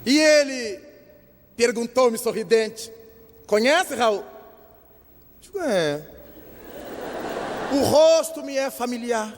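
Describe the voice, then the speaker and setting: An older man from Brazil, telling an animated story at a lecture and acting out the dialogue in shifting voices. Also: extremely high pitch, slow, pauses often, a little hiss or hum. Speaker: spiritist lecturer. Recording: long hall reverb.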